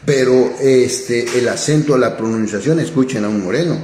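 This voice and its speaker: Male Bible teacher, halting and repetitive, echoey room. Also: medium pitch, dark tone. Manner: halting, repeats words, rising "¿sí?" checks. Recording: echoey room, faint noise.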